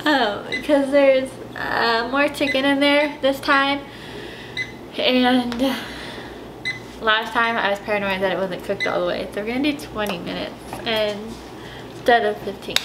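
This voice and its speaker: A woman's voice: fairly high pitch, unhurried, roomy sound. A woman co-hosting a casual home cooking video, explaining the steps plainly. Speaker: co-host of a family cooking channel. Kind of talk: casual cooking demo chat. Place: home kitchen. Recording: noisy home kitchen.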